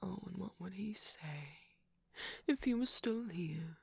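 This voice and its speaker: A performer voicing a sly, manipulative male cookie trickster in an ASMR roleplay, teasing and sarcastic, mostly in a soft whisper. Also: mid-range voice, animated, slow, creaky, slightly rough, no room sound, studio quality, heavily acted.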